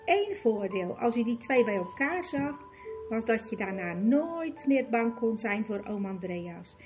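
Calm woman reading an audiobook. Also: on the high side, a little slow, lo-fi sound, over music. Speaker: narrator. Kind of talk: audiobook narration.

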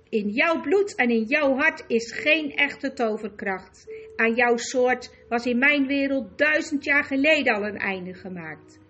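A towering, imperious witch queen played by a woman reader who barks orders with loud scorn. Her voice sits a little high and rings with authority. Soft music plays faintly under the audiobook. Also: exaggerated voice. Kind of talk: audiobook character voice.

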